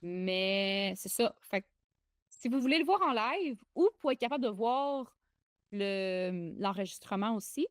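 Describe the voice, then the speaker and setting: Young Québécois woman co-host, excitable and chatty, dry booth sound. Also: medium pitch, a little slow, clean tone, no room sound. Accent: Québécois French. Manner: excitable, chatty, frequent fillers and restarts. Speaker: podcast co-host. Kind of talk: casual podcast chat.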